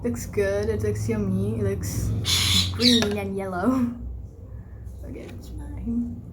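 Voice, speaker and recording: A woman's voice: mid-range voice, takes it slowly, heavy background noise. A young woman vlogging in a chatty, casual way, full of fillers. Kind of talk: casual vlog chat.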